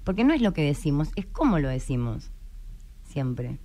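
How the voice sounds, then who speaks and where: A woman's voice: low voice, normal speed. A woman with a Rioplatense Spanish accent, a writer and coach, chatting as a guest in a radio interview and acting out the voices she quotes. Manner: lively, acts out inner voices and quotes.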